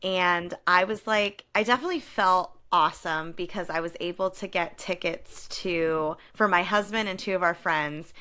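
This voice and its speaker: A woman co-hosting a podcast from a room at home. Her voice sits a little low but sounds bright and crisp. She talks in a chatty way, full of likes and ums. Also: moderate pace, hardly any pauses. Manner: chatty with many fillers. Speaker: podcast co-host. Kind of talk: casual chat.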